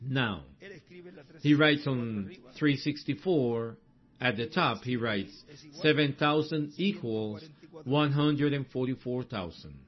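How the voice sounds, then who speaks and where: A man delivers a sermon, reading and explaining passages from a book of quotations. He speaks deliberately, circling back to the same phrases for emphasis and tossing in short asides. The recording sounds somewhat dull and lo-fi. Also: mid-range voice. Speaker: preacher.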